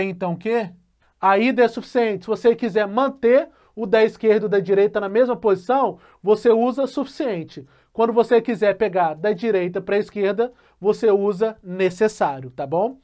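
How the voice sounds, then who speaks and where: The voice of this male math teacher sits high as he patiently walks through a logic lesson, regularly asking a brief check-in question and slowly going over key phrases again.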